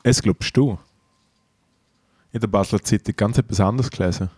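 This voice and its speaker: A man with a fairly low voice, recorded dry and close. He mostly listens, then cuts in with short questions and deadpan remarks. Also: moderate pace, slightly rough, no echo. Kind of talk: casual chat.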